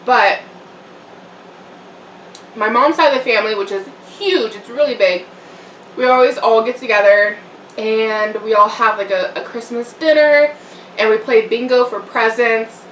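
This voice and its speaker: A young woman vlogger chats casually while eating on camera in a room at home, rambling with fillers and little laughs. Her voice is on the high side and a bit bright, and she's unhurried, pausing often. The room is echoey, the mic a bit far off, with a little hiss or hum.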